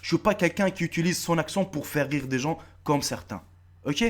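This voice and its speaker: A man's voice: on the high side, moderate pace. A man in his thirties with a North African French accent, talking straight to his viewers in a casual, swearing, repetitive vlog. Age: 30s. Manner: animated, swearing, repeating himself, addresses viewers directly. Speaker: YouTube video creator. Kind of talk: casual face-to-camera vlog.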